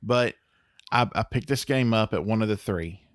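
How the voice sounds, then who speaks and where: A man in his thirties co-hosting a podcast, talking haltingly with stammered restarts and a dry, sarcastic humor. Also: fairly low pitch, dry recording. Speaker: podcast co-host. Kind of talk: casual chat.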